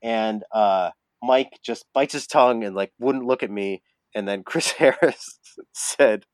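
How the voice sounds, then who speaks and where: A man's voice: mid-range voice, a little slow, no room sound. A man telling a long, rambling story in casual chat, with many fillers and frequent laughs. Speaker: rigger telling stories.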